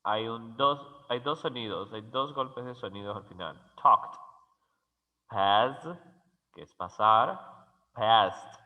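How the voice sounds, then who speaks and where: A man teaching English grammar as a slow, careful lesson, spelling out letters and repeating each example word. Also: mid-range voice. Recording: dull, lo-fi sound with long reverb.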